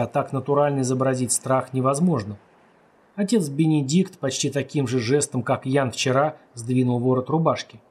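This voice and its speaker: A man narrates a story in a husky, slightly breathy voice. His reading is steady and measured, and he voices the characters' lines only lightly. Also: a little high. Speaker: audiobook narrator. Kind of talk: scripted narration.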